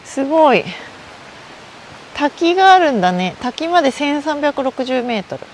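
In a rough recording with slight background noise, a middle-aged Japanese hiking vlogger talks to herself in a high, sing-song voice at a slightly slow pace. She's climbing an outdoor mountain trail, filmed on a body-worn camera for a casual solo vlog.

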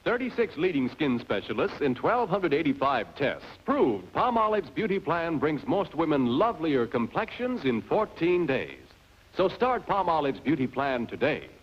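A man's voice: on the high side, big pitch swings, moderate pace, slight background noise. A man announcing a soap commercial with earnest, assured claims, heard as old 1950s TV broadcast audio. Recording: dull lo-fi vintage TV soundtrack.

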